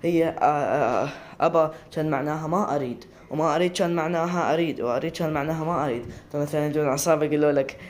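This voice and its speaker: Fast-talking Iraqi man, rambling chat. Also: a little high, slight background noise. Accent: Iraqi Arabic. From Iraq. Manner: rambling, chatty, often breaks off and restarts words. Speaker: video creator. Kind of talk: casual talk to camera.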